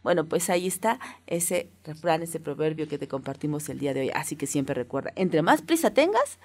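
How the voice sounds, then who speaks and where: A woman's voice: deep voice, lively intonation, fairly quick. A woman hosting a children's radio show, patiently explaining a saying and asking the young listeners questions. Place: community radio studio.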